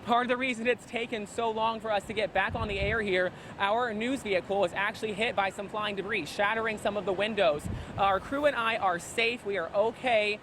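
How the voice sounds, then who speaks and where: Clear storm noise surrounds a man reporting live from outside. His voice sits very high for a male and is raised to carry over the weather, in the style of a television field report. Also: steady tone, fairly quick, few pauses. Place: outdoors near a flooded coastal parking lot in a hurricane. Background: wind and outdoor ambience.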